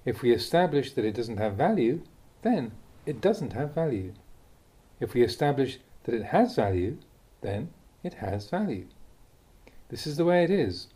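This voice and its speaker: Reading from a Dhamma talk, this husky-voiced monk keeps a calm, measured delivery, though his pitch turns lively whenever he reaches an important word in the Buddhist teaching.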